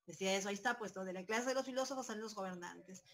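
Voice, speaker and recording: A Peruvian Spanish-accented woman teaches a pre-university civics class online from home over a headset, talking at medium pitch and very fast. She keeps checking in with her students through constant tag questions and lots of fillers.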